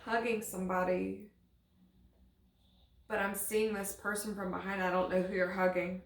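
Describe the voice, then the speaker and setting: Halting woman with creaky voice, roomy sound. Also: mid-range voice, little pitch movement. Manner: halting, searching, trails off mid-phrase. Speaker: paranormal investigator receiving in a spirit box session. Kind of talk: halting, unscripted narration of impressions.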